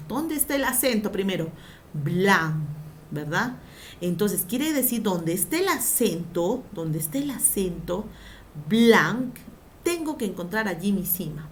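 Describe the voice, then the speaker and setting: Woman teacher, lively pitch, stretches out syllables, quizzes pupils, faint rumble behind. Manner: animated, stresses syllables by drawing them out; asks pupils questions and answers them herself. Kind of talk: classroom grammar lesson.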